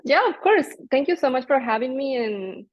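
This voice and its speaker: A woman's voice: sits high, animated, normal speed, no room sound, dull audio. A woman in her thirties from Mexico, a native Spanish speaker, chatting informally about her own path as a panelist. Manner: chatty, conversational, quotes herself in retellings. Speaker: panelist, international development professional. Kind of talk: informal panel talk, personal career story. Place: online video panel.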